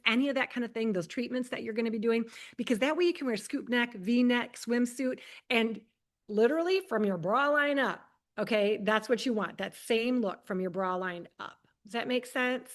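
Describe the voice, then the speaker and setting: A woman's voice: fairly high pitch, a bit bright. A woman in her fifties, a skincare consultant giving a live product demonstration and coaching viewers directly in an earnest way. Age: 50s.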